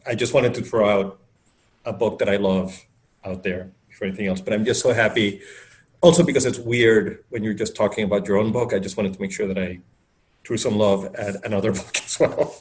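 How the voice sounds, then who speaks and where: Speaking as a guest author on a video call, a middle-aged man from Colombia chats in a casual, conversational way. He sounds enthusiastic and rambles with many fillers, using a fairly low pitch, fairly even intonation, and a fairly quick pace.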